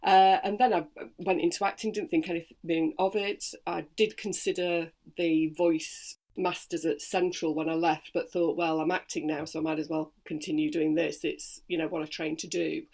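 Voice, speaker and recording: A woman in her forties from Sheffield with a Yorkshire accent, a voice and accent coach chatting freely in an interview. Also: low voice. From Sheffield, England. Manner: chatty and animated, quick bursts of storytelling. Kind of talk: relaxed interview chat.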